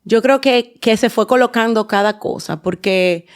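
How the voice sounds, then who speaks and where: A Dominican woman in her forties with a Dominican accent, a guest in a podcast interview, telling her story in an unhurried way with many fillers and restarts. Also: on the high side. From Dominican Republic. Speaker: guest, endodontist and dental teacher.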